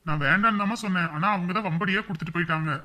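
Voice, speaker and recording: A man playing a calm grown son who makes peace in a family drama. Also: high voice, very fast.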